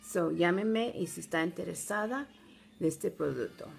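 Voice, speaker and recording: A middle-aged woman with gives a casual, halting step-by-step product demo, recorded on a phone at arm's length at home. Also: fairly low pitch, expressive, vocal fry, a little hiss or hum. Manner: halting, simple step-by-step instruction. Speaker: product demonstrator. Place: small room at home, indoors.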